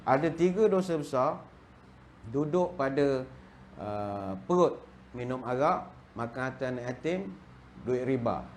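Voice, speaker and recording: A middle-aged Malaysian man with a Malaysian Malay accent, giving a humorous religious lecture in a jokey, animated storytelling way. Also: mid-range voice, measured pace, pauses often, a little hiss or hum. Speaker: religious teacher.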